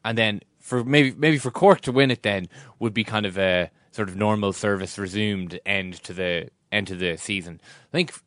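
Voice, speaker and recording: A man's voice: lowish voice, normal speed, fairly bright tone, dry recording, studio quality. A man with an Irish accent, co-hosting a sports podcast in casual discussion.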